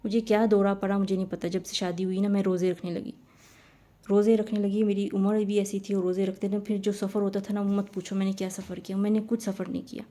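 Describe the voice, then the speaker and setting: A woman's voice: medium pitch, level tone, dark tone. A woman telling a personal story in a casual, rambling way, often repeating her phrases.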